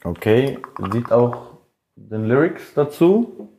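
A young man working behind the scenes explains the rules quickly and casually. His voice sits in a middle pitch for a man, and his delivery is offhand. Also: animated, warm tone, a little hiss or hum. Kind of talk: casual chat.

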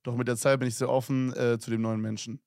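A man's voice: medium pitch, little pitch movement, fast, vocal fry, a little mellow, clear, resonant tone, no room sound, clean studio sound. A young man co-hosting a casual podcast, reading listener messages aloud with slang and laughs. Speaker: podcast co-host.

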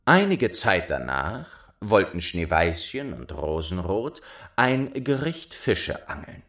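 Slow, expressive male storyteller. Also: low-pitched. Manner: expressive, measured fairy-tale telling. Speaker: narrator. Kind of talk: storybook reading.

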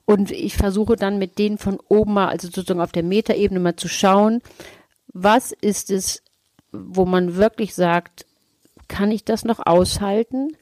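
A woman's voice: medium pitch, fairly even intonation, normal speed, darkish tone, no room sound. A woman therapist co-hosting a casual talk podcast, explaining with lots of rhetorical questions. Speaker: therapist and co-host.

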